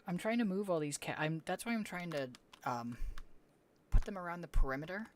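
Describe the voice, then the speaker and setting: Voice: medium pitch, animated, fairly quick. A streamer chatting casually while playing a game live, cooing at animals and sometimes dropping to a whisper. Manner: drops into a hushed whisper at times. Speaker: livestreamer. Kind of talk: casual gameplay livestream chat. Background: faint keyboard and mouse clicks.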